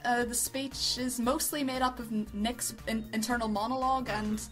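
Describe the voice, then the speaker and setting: A woman co-hosts a casual review show about amateur voice acting, chatting in an informal, rambling, giggly way. Her slightly high, somewhat bright voice keeps fairly even intonation at normal speed, with faint music in the background.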